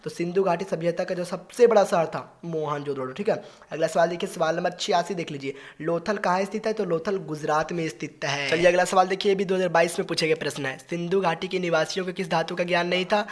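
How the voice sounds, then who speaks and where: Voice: mid-range voice, quick pace. An exam-prep teacher runs through revision questions one after another. Each answer is followed by a repeated "okay, next question".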